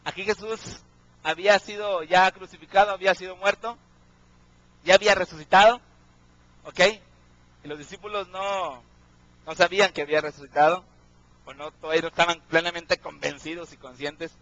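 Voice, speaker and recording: A man's voice: high voice, fairly even intonation, moderate pace, pauses often, a bit bright, no room sound, dull audio. A man preaching a sermon, often asking his congregation questions and checking in with them.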